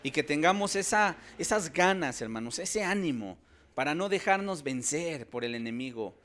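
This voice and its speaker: A male pastor preaching a sermon. He is emphatic and swings between loud and soft. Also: a little high, lively intonation, moderate pace, slight background noise.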